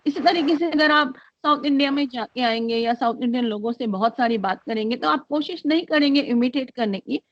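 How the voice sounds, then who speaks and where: A woman giving an online lecture, speaking slowly and hesitantly with many fillers, mixing Hindi and English. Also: high-pitched, dry recording. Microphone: computer mic on a video call. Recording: dry, dull lo-fi call audio.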